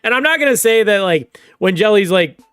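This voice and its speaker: A man's voice: sits high, expressive, fairly quick, a bit bright, clear, resonant tone, faint music behind. A man streaming a game and chatting casually with his viewers, rambling and laughing often. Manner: rambling, laughs often, talks straight to chat. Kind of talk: casual livestream chat.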